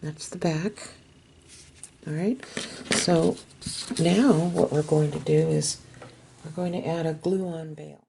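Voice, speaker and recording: Woman, craft tutorial host; low, gravelly, mellow voice, slow delivery, faint hiss behind. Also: steady tone. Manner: gentle, unhurried, dips into soft whispers while working. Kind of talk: step-by-step craft instruction.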